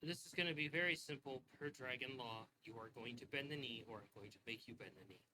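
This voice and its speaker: A man's voice: medium pitch, fast, noisy background, lightly acted. A man voicing a stern, curt noble lady. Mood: cold.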